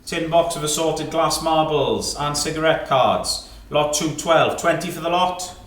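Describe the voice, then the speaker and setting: This British antiques auctioneer has a slightly high voice, a measured pace and a fairly bright tone. Working an indoor sale room, he calls lots and rising bids in clipped numbers and keeps prompting the room. The sound is echoey, from a microphone placed at a distance.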